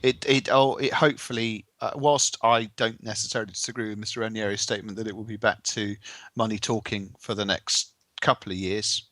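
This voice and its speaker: A male co-host with a low voice and a dry, close sound. He talks in a wordy, measured way and slips in deadpan quips. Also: no echo. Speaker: podcast co-host. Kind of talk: casual chat.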